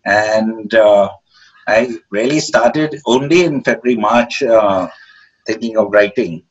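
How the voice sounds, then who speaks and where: A man's voice: on the low side, breathy edge. Man, 70s, posh Indian English accent, hesitant reflective interviewee, dull lo-fi audio. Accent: educated upper-class Indian English. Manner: halting, hesitant, searching for words. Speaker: interviewed author. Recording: dull, muffled lo-fi call audio.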